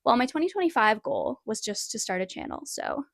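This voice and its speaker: A woman's voice: on the high side, big pitch swings, a little fast, creaky, no room sound, studio quality. A young woman in her twenties chatting casually in a rambling, self-deprecating way, filmed on her phone in her bedroom. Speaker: writing vlogger. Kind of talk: casual vlog chat. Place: bedroom in parents' suburban house.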